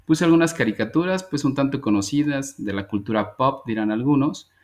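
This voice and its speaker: A man's voice: medium pitch, brisk, darkish tone. A man teaching an English grammar class, patiently explaining step by step and repeating each phrase before checking that students follow. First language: Spanish.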